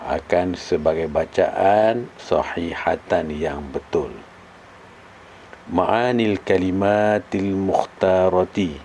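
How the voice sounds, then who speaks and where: A man's voice: low-pitched, darkish tone, slight background noise. A man with a Malaysian Malay accent teaching a religious studies lesson, explaining terms and chanting Arabic lines for students to repeat. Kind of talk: classroom lesson with chanted recitation.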